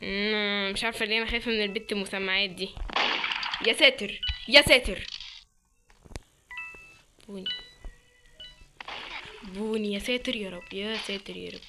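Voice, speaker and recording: A young woman with an Egyptian Arabic accent giving casual, excitable commentary while playing a game with friends. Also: medium pitch, moderate pace, long pauses, noisy background. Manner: excitable, exclaiming and reacting loudly. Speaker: gaming channel host.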